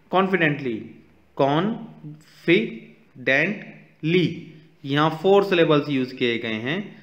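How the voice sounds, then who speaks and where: Male school teacher, textbook lesson, reads English slowly then explains fast in Hindi; dull, echoey room recording. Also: medium pitch.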